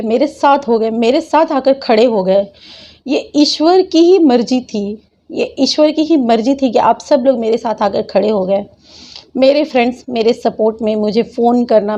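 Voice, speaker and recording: A woman vlogger in her thirties delivers an emotional, devotional monologue that keeps repeating itself, impassioned throughout. Her voice is on the high side and mellow, with the highs cut off.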